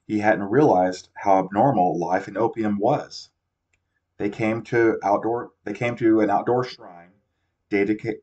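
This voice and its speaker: A man's voice: fairly low pitch, a little mellow. A man narrating a novel aloud, often stumbling and correcting himself as he reads. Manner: reads with frequent slips and self-corrections. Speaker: audiobook reader. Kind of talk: amateur audiobook narration. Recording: dull lo-fi recording.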